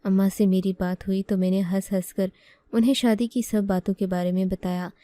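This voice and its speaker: A woman narrating a first-person story in a steady, earnest way. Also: mid-range voice, normal speed, no room sound.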